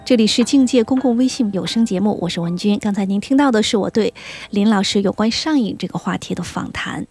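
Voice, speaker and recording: A woman hosting an audio program, explaining gently and softening her points with little tag words. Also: mid-range voice, brisk, soft background music. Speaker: host.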